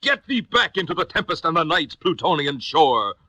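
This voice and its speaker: A man's voice: fairly high pitch, sing-song, moderate pace, bright, forceful tone, no echo, voice pushed up, heavily acted. A haunted, desperate man, wildly swooping. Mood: furious shrieking. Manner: theatrical, impassioned, declamatory. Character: grief-maddened man, haunted, desperate, pleading and raging. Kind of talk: 1950s dramatic poetry recitation.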